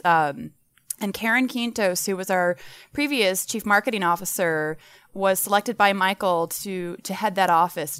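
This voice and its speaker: Smooth-voiced woman guest, eager and talkative. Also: mid-range voice, fairly bright tone. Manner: enthusiastic, talks in run-on explanations with fillers. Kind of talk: podcast interview answers.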